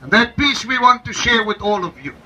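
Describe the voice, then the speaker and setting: A man's voice: very high voice, pushed and bright, poor audio. Emphatic man giving a welcome speech. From South Africa. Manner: slow, emphatic, repeating key phrases. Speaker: interim leader addressing a gathering.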